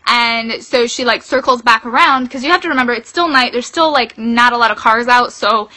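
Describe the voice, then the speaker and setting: A young woman tells a story in a casual, chatty vlog style, scattering "like" through her sentences. Her voice sits a little high and sounds bright and forward. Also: fairly quick. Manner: chatty, fills with "like". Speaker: vlogger.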